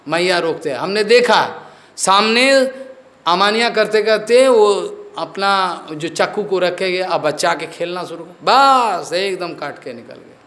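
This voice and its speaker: A man's voice: high voice, fairly bright tone. A spiritual teacher gives a sermon, scolding his listeners and repeating his warnings with rhetorical questions. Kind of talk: Hindi sermon on scripture.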